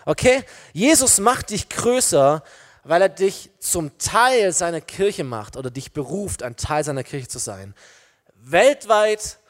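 A man with a high voice preaches to young people. He is lively and casual, and he speaks straight to his listeners.

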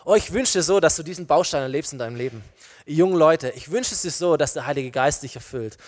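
A man preaching a lively, informal sermon to young people, talking straight to his listeners. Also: a little high, fast talker.

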